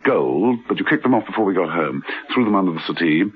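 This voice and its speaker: An actor playing a suave, unflappable, teasing gentleman secret agent in a radio drama, on a lo-fi recording. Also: low-pitched, expressive, fast talker. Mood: teasing, composed.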